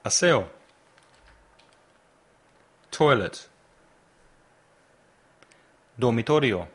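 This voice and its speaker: A man's voice: mid-range voice, lively intonation, very slow, a bit bright, slightly rough. A man hosting a podcast lesson, teaching vocabulary and patiently prompting the listener to repeat words after him. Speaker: language teacher and podcast host. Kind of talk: slow, deliberate English lesson with drills.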